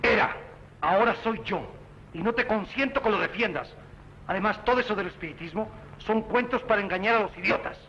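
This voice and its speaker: An actor playing a domineering, jealous new husband, emphatic and sarcastic in 1940s film style. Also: male voice, high voice, brisk, sharp tone, a little hiss or hum. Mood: scornful. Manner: emphatic, scornful. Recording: dull 1940s film soundtrack with music.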